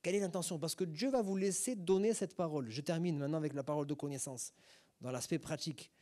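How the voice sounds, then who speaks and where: Middle-aged male pastor, slightly high voice, chatty sermon full of asides and rhetorical checks. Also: fast talker, mellow. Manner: conversational teaching with many asides and rhetorical questions; acts out short sung and spoken examples. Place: church hall.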